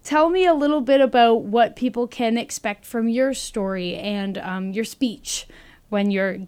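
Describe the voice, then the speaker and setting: A woman's voice: a little high, a little slow, darkish tone, clean tone. A woman hosting a radio interview in a studio, friendly and encouraging toward her guests. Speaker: radio host.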